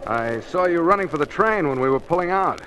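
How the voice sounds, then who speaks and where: Inquisitive train stranger, bright voice. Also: male voice, fairly high pitch, lively intonation, a little fast, muffled recording, a little hiss or hum. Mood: casual, probing. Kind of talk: 1940s radio drama acting.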